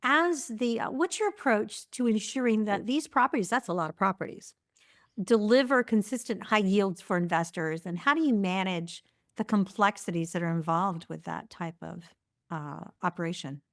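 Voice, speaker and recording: A woman hosting a podcast interview, speaking with eager enthusiasm and praising her guest. Her voice is of middle pitch, and the recording is dry and close. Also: normal speed, no echo. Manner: enthusiastic and complimentary. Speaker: podcast host. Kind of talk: hosted interview.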